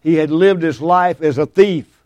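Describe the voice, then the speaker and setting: Man preaching, folksy, fairly high voice, repeats himself, dry sound. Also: moderate pace, darkish tone, no room sound. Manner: folksy, repeats words, restarts. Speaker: pastor. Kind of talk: sermon. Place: small church.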